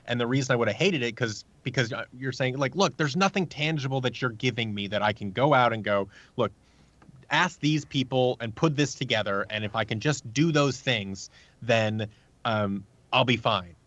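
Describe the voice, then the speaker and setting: Guesting on a podcast, an actor and producer shares earnest, casual advice via anecdotes, performing the lines he quotes. He speaks in a mid-range, slightly bright voice at a moderate pace, on dull, lo-fi, dry audio.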